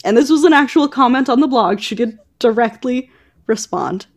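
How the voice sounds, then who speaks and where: A woman with a higher-pitched, expressive voice talks at a normal speed. As a podcast host, she chats about books casually and conversationally, with lots of informal asides.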